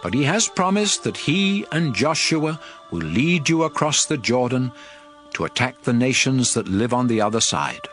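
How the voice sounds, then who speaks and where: An actor playing Moses, an aged, solemn and commanding Israelite leader, exhorting in a declamatory dramatized scripture reading. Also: male voice, mid-range voice, big pitch swings, normal speed, fairly bright tone, faint music behind. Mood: rousing, solemn.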